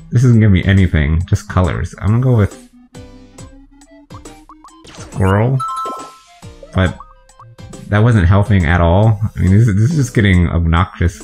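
A man with a deep, low voice gives chatty let's-play commentary, talking to himself as he guesses his way through a video game. Faint game music runs underneath his talk. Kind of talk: gameplay commentary.

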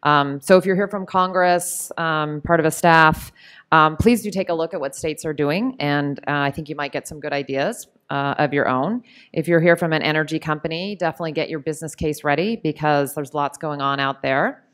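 A middle-aged woman giving a prepared policy talk at a podium mic in a conference room, steady and earnest with frequent ums. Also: low-pitched, normal speed, clean tone. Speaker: panel speaker. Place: conference room on Capitol Hill. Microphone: podium microphone.

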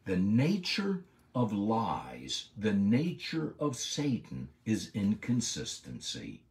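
A man giving a Bible lesson as a sermon, preaching emphatically and slowing down hard on key words. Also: lowish voice, huge pitch swings, a little mellow. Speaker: Bible teacher. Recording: voice a bit far from the mic.

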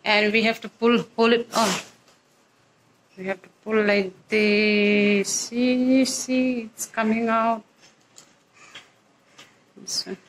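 Slow, hesitant woman vlogging at home. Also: a little high, flat delivery, slight background noise, poor audio. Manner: hesitant, searching for words. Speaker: vlogger filming the assembly. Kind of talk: casual home unboxing vlog. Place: indoor living room at home.

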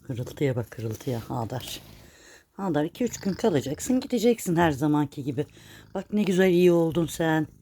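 Lady talking baby talk to her cat, kinda low voice, scolds it softly and keeps saying its name, purring in the background. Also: lively intonation, moderate pace, a little hiss or hum. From Turkey. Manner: fond, chiding baby talk to a pet, repeating its name. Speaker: street cat rescuer and vlogger. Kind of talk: talking to a cat while caring for it.

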